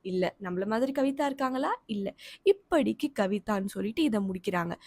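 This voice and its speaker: A woman's voice: fairly high pitch, darkish tone, no echo, studio quality. A woman with a Tamil Nadu accent who teaches a textbook lesson to young children online, asking them questions and then answering them herself.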